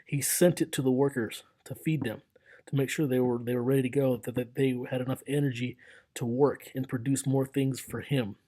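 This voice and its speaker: A man's voice: mid-range voice, steady tone, normal speed, warm tone. A young man lecturing casually over slides as a history teacher, talking in a loose, conversational way with fillers and restarts.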